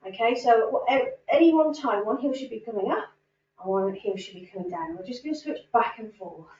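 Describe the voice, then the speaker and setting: A woman fitness instructor with a fairly high, darkish voice and lively intonation speaks fairly quickly over slight background noise. Leading a standing cardio class, she's upbeat and encouraging as she counts reps. The recording sounds roomy, distant, and dull.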